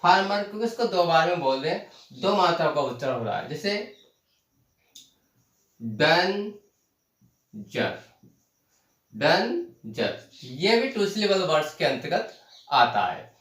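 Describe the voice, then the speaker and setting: A man teaching a lesson, explaining terms slowly, repeating them and asking the class questions. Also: sits high, expressive, a bit bright. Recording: echoey room, voice from far off the mic.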